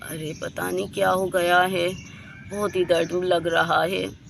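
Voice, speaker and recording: A woman doing a low, groaning housewife in pain. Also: vocal fry, a little hiss or hum. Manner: groaning, weak and complaining.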